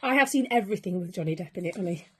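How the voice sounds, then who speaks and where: A woman's voice: on the low side, lively intonation, very fast, breathy edge. A middle-aged woman chatting casually with her son as they bake at home, teasing and encouraging him and laughing often. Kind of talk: casual family chat on camera. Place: bedroom at home turned into a kitchen.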